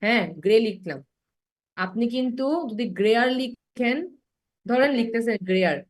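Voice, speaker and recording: A young woman teaching an English grammar class online, patiently explaining and slowing down to spell out example words. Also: a little high.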